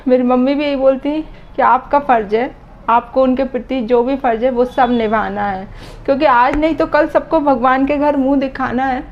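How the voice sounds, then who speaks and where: A woman in her thirties vlogging about a loss, talking slowly and heavy-heartedly, her voice dropping low at times. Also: dull audio, slight background noise. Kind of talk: emotional personal vlog talk.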